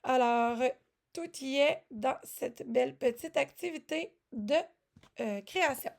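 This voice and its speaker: A woman's voice: high-pitched, lively intonation, unhurried, vocal fry. A woman casually walking through music classroom materials, chatty with many fillers and restarts. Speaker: music teaching resource presenter.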